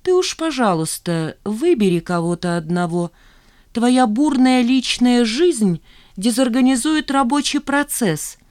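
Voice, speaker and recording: Haughty cold accountant lady, voiced by a woman reader, cutting and unhurried, dry close sound. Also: on the high side, expressive, a little mellow, no echo, voice pushed up. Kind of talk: audiobook character voice.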